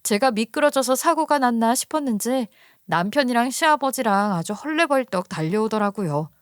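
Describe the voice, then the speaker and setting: Female story narrator, higher voice, dry sound, conversational and indignant. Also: lively intonation, moderate pace, no room sound.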